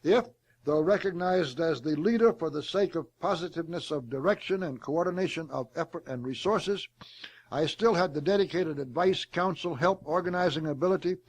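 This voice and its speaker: A man delivering a formal prepared speech in a deliberate, oratorical manner, reading it aloud and even saying the quotation marks. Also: a little high. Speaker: speaker delivering a prepared address.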